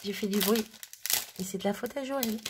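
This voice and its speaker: A woman's voice: medium pitch, moderate pace, background noise. A woman chatting casually as a crafting vlogger, gushing and often stumbling over her words. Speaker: crafting vlogger showing mail she received. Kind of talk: casual chat.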